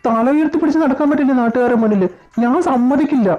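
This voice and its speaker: A woman plays a blustering, short-tempered father in a homemade audio drama, with a scolding and threatening manner. The voice is mellow and fairly high for a woman, and it comes through a dull, lo-fi recording. Faint music plays underneath. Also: fast talker. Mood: indignant. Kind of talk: amateur audio drama dub.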